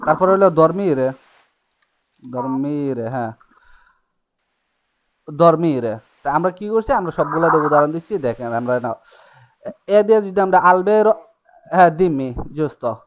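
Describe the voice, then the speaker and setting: A man teaching an Italian class in Bengali, speaking slowly and checking again and again that his students follow. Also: on the high side, animated, muffled recording. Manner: explains slowly with many checks like "ঠিক আছে?" and "নাকি?". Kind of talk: live online class taught in Bengali.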